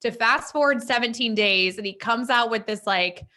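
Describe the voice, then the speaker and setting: A young woman co-hosting a casual sports podcast, chatty and animated, peppering her talk with "like". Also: fairly high pitch, moderate pace. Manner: chatty, heavy use of "like", animated. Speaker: podcast co-host.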